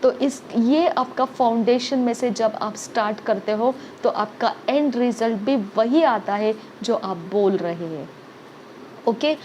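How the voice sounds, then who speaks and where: Preaching slowly in a fairly high voice with a darkish tone, a woman drives her message home by repeating points and often asking "okay?" Faint background noise can be heard under her.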